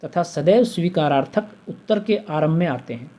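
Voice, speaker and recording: A man's voice: fairly high pitch, expressive, normal speed, dull audio, slight background noise. A man teaching a Hindi grammar lesson, methodically listing examples one by one and repeating the key terms.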